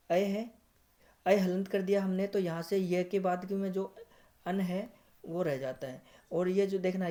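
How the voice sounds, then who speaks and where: Male teacher, screen-recorded lesson, mellow warm voice, repetitive, self-correcting. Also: high voice. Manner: repeats words, often addresses viewers as friends; corrects himself mid-explanation. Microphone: screen recorder app.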